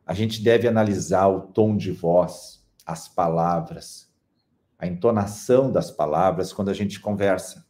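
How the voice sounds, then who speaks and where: A man giving a calm, measured motivational talk, pausing slowly for emphasis. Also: sits low. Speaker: speaker on personal development.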